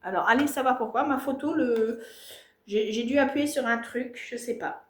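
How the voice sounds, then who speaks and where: A chatty woman with a somewhat high voice shows off her stitching in a casual home vlog. She talks to the camera with lots of fillers and self-mocking asides. The room around her has a noticeable echo. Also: normal speed. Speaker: cross-stitch vlogger. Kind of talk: casual show-and-tell vlog. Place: home, filming herself on a tripod. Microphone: tablet or camera on a tripod.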